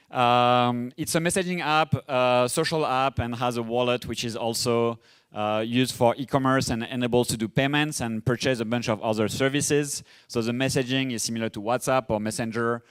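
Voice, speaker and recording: A young man from France with a strong French accent, giving a casual, fast-paced conference masterclass. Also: medium pitch, smooth. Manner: fast, casual, self-deprecating, with filler restarts. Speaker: conference speaker. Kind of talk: masterclass presentation.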